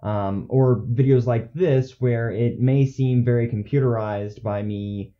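Slow-talking young man, dull lo-fi sound. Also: medium pitch. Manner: rambling, self-correcting, filler-heavy; says he gets monotone when scripted. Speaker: channel host. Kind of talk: unscripted casual vlog. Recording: dull lo-fi audio.

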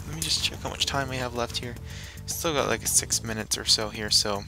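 A man with a creaky, medium-pitched voice hosts a gaming video, offering casual let's play commentary. He rambles and talks to himself the whole time he plays.

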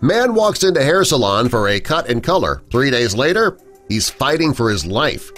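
A man's voice: mid-range voice, very animated, normal speed, fairly bright tone. A man reading a scripted narration of a news story in a dramatic storytelling manner. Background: faint background music.

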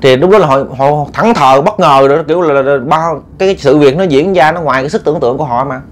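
A man with a Southern Vietnamese accent narrating a ghost story in an animated, dramatic way, often repeating words as he builds tension. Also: on the high side, fast, a little hiss or hum. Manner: animated, dramatic, repetitive stammering.

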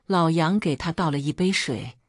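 A woman narrating a family drama story in a scripted, expressive reading. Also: low voice, moderate pace, no room sound, studio quality.

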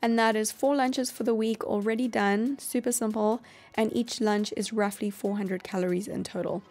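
Calm woman explaining meal prep. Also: medium pitch, moderate pace, soft background music. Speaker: cooking channel host. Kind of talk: instructional voice-over.

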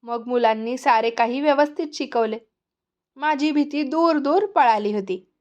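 A woman narrating a story for an audiobook in a gentle, expressive way. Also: high-pitched, a little slow.

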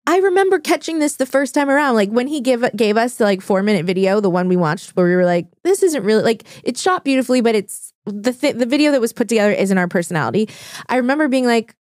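A young woman co-hosting a podcast in casual chat, animated and chatty, filling with "like" and swearing casually. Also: fairly high pitch, fast, dry recording, studio quality. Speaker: podcast co-host.

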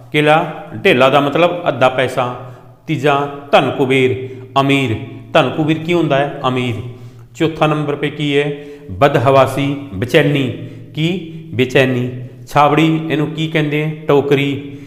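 Guy teacher doing a word list, asks then answers himself, says stuff twice, echoey room w long reverb. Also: mid-range voice. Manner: repeats each meaning twice. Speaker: Punjabi teacher. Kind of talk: vocabulary lesson for pupils. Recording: roomy echo with long reverb.

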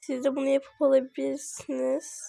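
A woman's voice: high-pitched, completely flat delivery, moderate pace, creaky, mellow, dry recording, studio quality. A young woman giving casual gameplay commentary, chatty and easily frustrated, talking straight to her viewers. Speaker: gaming video creator.

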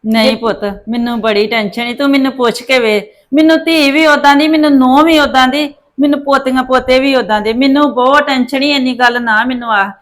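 A woman plays a fretful older mother-in-law with a Punjabi accent. Her voice is high and anxious, and she pleads and worries over her family in a village drama. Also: fairly quick, fairly bright tone. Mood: pleading. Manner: pleading, worried, calls others "putt".

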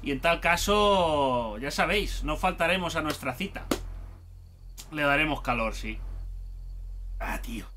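A man with a Spain Spanish accent giving let's play commentary, excitable and swearing and shouting at the game. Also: fairly high pitch, measured pace, long pauses, noisy background. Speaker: gaming YouTuber. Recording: game music and sound behind voice.

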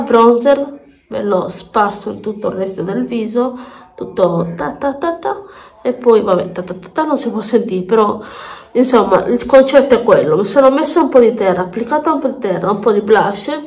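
A woman with a fairly high but darkish-toned voice is clearly congested with a cold, her speech nasal, pinched, and stuffed-up. In her home bathroom she chats casually as a beauty vlogger in a makeup vlog, rambling and often repeating words and phrases.

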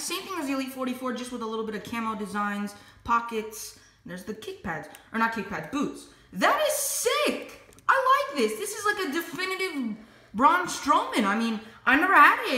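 Excitable, shrieking unboxing woman in echoey room. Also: mid-range voice. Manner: excitable, bursts into yelling and squeals. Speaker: toy collector vlogger. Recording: roomy echo, faint background noise.

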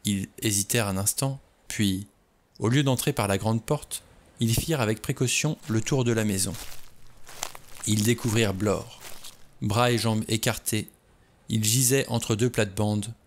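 Male narrator, audiobook reading, lowish voice, measured. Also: a little hiss or hum. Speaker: audiobook reader. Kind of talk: scripted narration.

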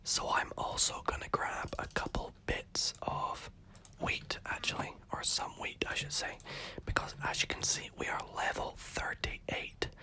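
Whispering gamer with a fading voice. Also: a little slow. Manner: soft unvoiced whisper, chatty, self-correcting. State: losing their voice, coughing. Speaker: gaming video host. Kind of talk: whispered ASMR gameplay commentary.

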